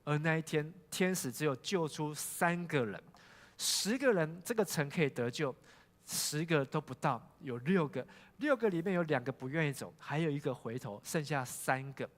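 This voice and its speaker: A man's voice: on the high side, animated, normal speed. A male pastor preaching a sermon, telling a Bible story and asking the congregation questions. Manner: storytelling, asks the congregation questions, frequent "hao" fillers. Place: church sanctuary. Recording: long church hall reverb.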